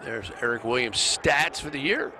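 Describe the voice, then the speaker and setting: A man's voice: mid-range voice, expressive, pushed and bright. Upbeat man calling football, noisy. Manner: brisk, upbeat calling of plays. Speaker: play-by-play announcer. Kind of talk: live football play-by-play commentary. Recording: broadcast mix with clear stadium noise.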